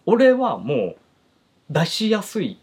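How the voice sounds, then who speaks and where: A man's voice: a little high, wildly swooping pitch, slow, a little mellow, slightly rough. A man hosting a podcast who chats casually and reads listener letters aloud. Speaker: podcast host reading listener mail. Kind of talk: casual chat and letter reading.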